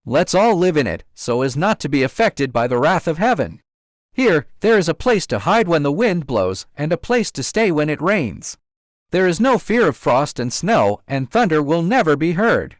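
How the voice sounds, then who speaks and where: A man's voice: on the high side, very animated, normal speed, no echo, studio quality. A man voicing a bold, joyful young male stone monkey who leads the others proudly, in a storybook reading. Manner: exclaims in repeated short cries.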